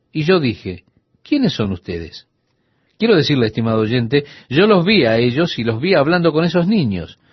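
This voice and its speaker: A man's voice: a little high, breathy edge, no echo, muffled recording. A man teaching the Bible for radio listeners, telling a story and voicing the people in it. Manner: lively storytelling, voicing the people in his anecdote.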